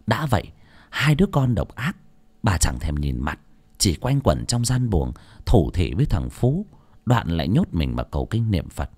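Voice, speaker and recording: Man narrating with wildly lively pitch. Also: normal speed, slightly rough. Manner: expressive, dramatic reading with wide pitch swings. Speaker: audiobook narrator. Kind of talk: storytelling narration.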